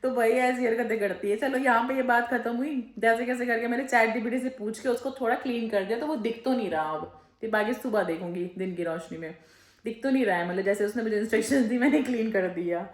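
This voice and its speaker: A woman vlogger tells a home story to her viewers, animated and quick to mimic the people in it. Her voice sits a little high. It is recorded on a handheld phone in an echoey room. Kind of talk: casual storytelling vlog. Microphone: phone held in hand.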